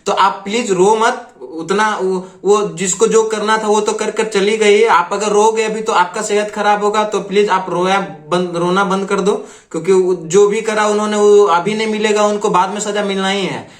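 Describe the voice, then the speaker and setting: A man's voice: high voice, steady tone, moderate pace, reverberant. A man hosting a reaction video, commenting on clips in an earnest, repetitive, lecturing way.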